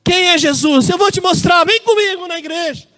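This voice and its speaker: High-voiced Brazilian preacher. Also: male voice, a little fast, bright, forceful tone, soft background music. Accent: Brazilian Portuguese. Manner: addresses congregation as brothers, tells personal anecdotes. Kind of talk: sermon. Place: church.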